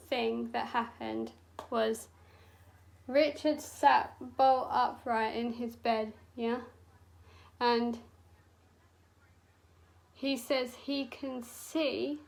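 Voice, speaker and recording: Young woman, makeup artist, unhurried and dramatic storyteller, a touch high-pitched, casual and sweary. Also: gravelly, rough recording.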